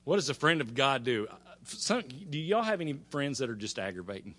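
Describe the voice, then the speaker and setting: A pastor preaching a sermon, stumbling over repeated words and climbing to fervent emphasis. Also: male voice, mid-range voice, sing-song, fairly quick, a bit bright.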